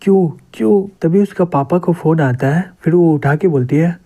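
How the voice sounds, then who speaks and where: A man narrating a comic recap in a steady storytelling manner. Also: on the high side, normal speed. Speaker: comic explainer.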